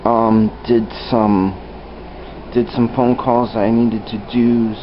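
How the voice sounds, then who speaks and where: A vlogger casually rambles through a home video around his house, indoors and out front, restarting his thoughts in an easygoing way. His mid-range voice is flat and slow, picked up by a handheld camcorder's built-in mic, so the old audio sounds dull, hissy and lo-fi.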